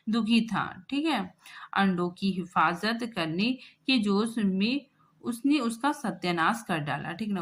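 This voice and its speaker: A woman's voice: fairly low pitch, fairly bright tone. A young woman teacher patiently explaining a school lesson, repeating herself and checking in with listeners often.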